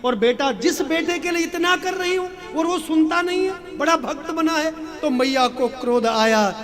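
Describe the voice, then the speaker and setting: A man's voice: extremely high pitch, normal speed, a bit bright. A male scripture storyteller from Uttarakhand, telling a devotional story with dramatic, emotive asides to his listeners. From Uttarakhand, India. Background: instrumental music.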